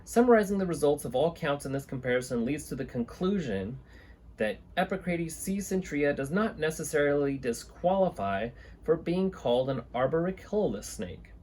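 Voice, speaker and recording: A man in his thirties runs a reptile-keeping channel, and here he reads a book aloud and talks casually to the camera. His voice is a little high and expressive, with a darkish tone and a moderate pace. He's in a small indoor room filled with reptile enclosures and a fan, and the room noise comes through clearly.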